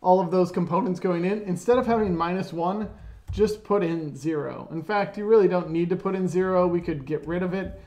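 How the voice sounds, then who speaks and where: Man with a gravelly voice in a roomy echo. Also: sits high, brisk. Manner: relaxed, self-correcting step-by-step explanation. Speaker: software trainer. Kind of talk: screen-recorded software tutorial.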